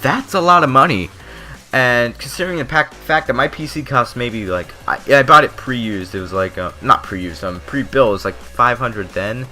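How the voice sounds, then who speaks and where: A man's voice: mid-range voice, moderate pace, bright, forceful tone, soft background music. A man giving casual, rambling, unscripted gaming commentary, stumbling over words a little, his lip still numb from dental Novocaine. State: lip numb from dentist's Novocaine, speech slightly off. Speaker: gaming video creator giving opinions.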